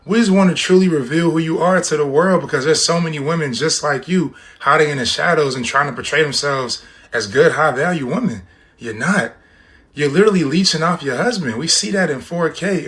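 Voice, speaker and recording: A man's voice: a little high, fairly quick, a bit bright. A man giving confrontational social media commentary, lecturing bluntly like a dating coach and addressing the listener directly.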